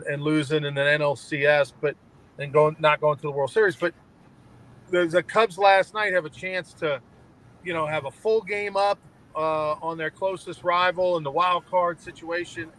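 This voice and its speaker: Bright-voiced man chatting about sports. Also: fairly high pitch, fairly even intonation, normal speed, low-quality recording. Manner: conversational, rambling with frequent restarts. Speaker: sports talk show co-host. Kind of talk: casual sports chat.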